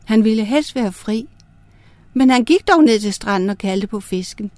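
Female narrator for a children's story, clear gentle reading, a little higher pitch. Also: lively intonation, no room sound.

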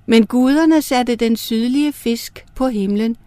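Gentle woman reading a children's story. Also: on the high side, no room sound.

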